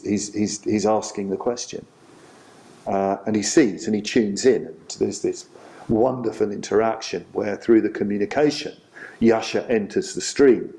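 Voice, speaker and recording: A male Buddhist teacher giving a retreat talk, telling a story in an animated way with frequent fillers. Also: fairly low pitch. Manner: animated storytelling with many "you know" fillers.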